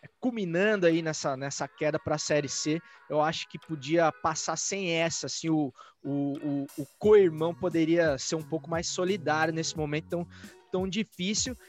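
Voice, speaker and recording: Male podcast host, high voice, lively and jokey, faint music under. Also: moderate pace. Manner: animated, joking, many restarts. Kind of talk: casual chat.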